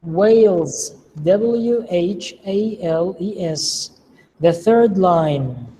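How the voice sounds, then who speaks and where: A lecturer who speaks slowly and deliberately, quizzing students on word meanings in a lecture room. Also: medium pitch, mellow. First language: Arabic. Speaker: English lecturer. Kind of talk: classroom lecture with questions to students. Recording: long reverb, faint room noise.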